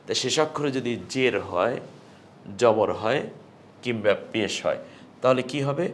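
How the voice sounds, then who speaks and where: A man's voice: mid-range voice, slight background noise. Bangladeshi man teaching Quran recitation. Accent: Bangladeshi Bengali. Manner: explains step by step, chants recited verses slowly. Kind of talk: online lesson.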